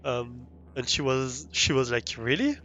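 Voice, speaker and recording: A man's voice: mid-range voice, unhurried, a bit bright. A young man with a French accent, streaming a game live and chatting with viewers, hesitant with many fillers and restarts. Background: faint music.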